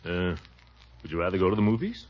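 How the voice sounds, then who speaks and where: In a 1940s radio comedy, an actor plays a blustery, pompous middle-aged uncle who heads the household, booming and hearty with chuckling laughs. He's bossy, speaks fast in a sing-song way, and stretches out his words, all on a dull-sounding old broadcast recording.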